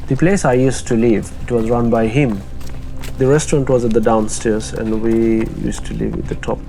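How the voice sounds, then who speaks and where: A young man, telling his own story in a halting, soft-spoken way with many pauses and restarts. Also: medium pitch, fairly even intonation, gravelly, music in the background. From Bangladesh. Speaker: interviewee. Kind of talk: personal testimony.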